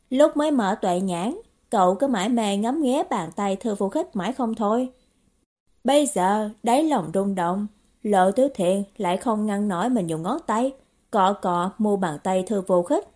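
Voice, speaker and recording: A woman narrating a novel as an audiobook in a steady storytelling manner. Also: mid-range voice, normal speed. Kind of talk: scripted narration.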